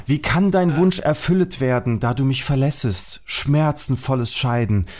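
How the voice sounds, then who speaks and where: A man's voice: mid-range voice, unhurried, lightly acted. A man reading the part of a young male lover in a mock-solemn, theatrical way.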